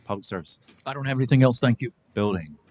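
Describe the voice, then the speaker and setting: A man chairing a city committee meeting, calling on departments in brisk procedural turns. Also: mid-range voice, animated, a little mellow. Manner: brisk procedural roll calls.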